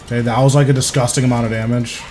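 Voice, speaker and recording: A man's voice: medium pitch, fairly even intonation, racing, a little mellow, faint music behind. A young man giving casual, rambling live commentary while streaming a video game. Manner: rambling, thinking aloud, informal.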